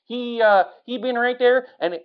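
A man's voice: very high voice, a little slow, muffled recording, pitched above the performer's own voice. A man voicing a hot-headed brawler who rattles off rambling threats. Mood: belligerent.

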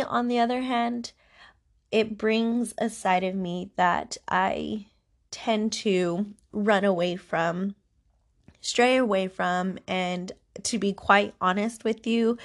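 A woman's voice: medium pitch, steady tone, takes it slowly. A woman hosting a podcast with a congested voice, giving a personal, reflective talk about faith in a confiding manner. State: congested from allergies, voice not its normal sound. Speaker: podcast host.

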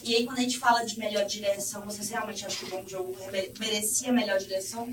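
A woman's voice: medium pitch, fairly even intonation, quick pace, a little hiss or hum. Woman asking, echoey room. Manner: probing, thoughtful. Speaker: live audience questioner. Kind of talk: asking a question. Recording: echoey room with faint ambience.

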